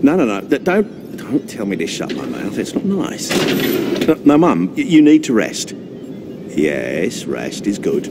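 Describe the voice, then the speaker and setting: An actor playing an awkward, sheepish male technician in a video game, halting and stammering. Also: on the low side, big pitch swings. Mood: pleading, embarrassed. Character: awkward, sheepish mother's boy technician, proud of skills. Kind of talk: video game character acting. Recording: loud background noise.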